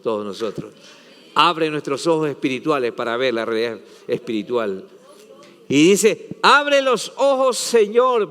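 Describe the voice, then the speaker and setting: A man's voice: on the high side, clean tone, in a large hall. A man, a pastor preaching a sermon, retelling scripture with dramatic voicing and repetition.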